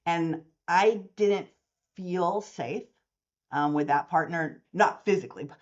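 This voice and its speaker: A mortgage services company owner in her sixties takes it slowly in a fairly low voice during a long-form interview. She's an animated storyteller who acts out quoted dialogue, and the sound is lo-fi.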